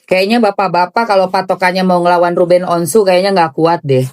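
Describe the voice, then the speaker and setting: A woman giving excited, gushing reaction commentary on celebrity gossip in chatty slang. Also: fairly low pitch, brisk.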